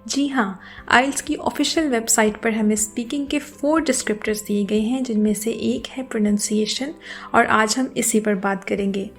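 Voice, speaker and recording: Higher-voiced woman teaching pronunciation. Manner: clear, careful demonstration of word sounds. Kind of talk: scripted lesson narration. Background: soft background music.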